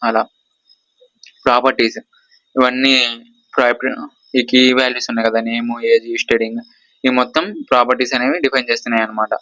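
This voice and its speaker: A man's voice: medium pitch, flat delivery, fairly quick, long pauses, sharp tone, dry recording, rough recording. A man with a Telugu accent teaching a screen-share coding lesson. He explains by pointing at parts of the screen, repeats himself and keeps checking that his students follow. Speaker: course instructor.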